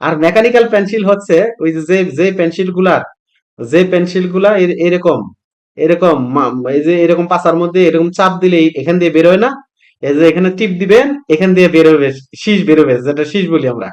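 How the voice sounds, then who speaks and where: A middle-aged man teaches a vocabulary lesson in a slightly high voice. He repeats each word and poses questions that he answers himself. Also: a little fast, a little mellow. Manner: repeats words, asks and answers own questions. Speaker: language teacher.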